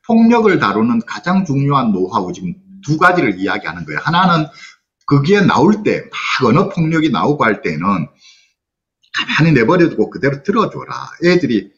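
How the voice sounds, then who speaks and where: A man's voice: medium pitch, highs cut off. A man in his sixties, a psychologist, giving an earnest, explanatory online lecture to parents. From South Korea. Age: 60s. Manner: earnest, explanatory, quotes parents' words aloud. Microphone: lo-fi video call audio.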